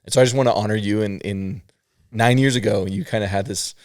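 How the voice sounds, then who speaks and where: A man's voice: fairly low pitch, fast, no room sound, clean studio sound. A man hosting a casual interview podcast, talking and reading aloud as the host.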